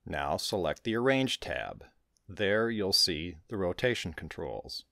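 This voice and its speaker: A man narrating a screen-recorded software tutorial, calmly walking through each step. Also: low-pitched, measured pace, vocal fry, no room sound, studio quality. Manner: calm step-by-step instruction. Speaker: tutorial host.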